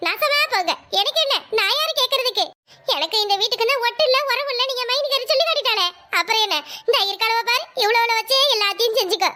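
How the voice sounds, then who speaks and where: A woman's voice: very high voice, bright, forceful tone. A woman voicing a wronged, scheming young sister-in-law in a cartoon comedy, complaining and wailing.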